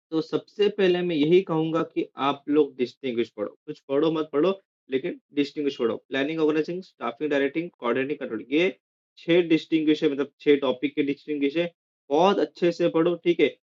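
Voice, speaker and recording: A man's voice: on the high side, a little mellow, highs cut off. A male teacher giving a casual exam-prep lesson, chatty and often checking in with "theek hai".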